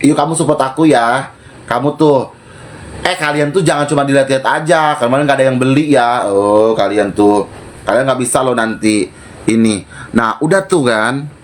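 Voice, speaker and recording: A man's voice: mid-range voice, moderate pace. A man who rants mockingly on a livestream, repeating himself and acting out quoted lines. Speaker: livestream seller. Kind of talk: gossipy livestream rant.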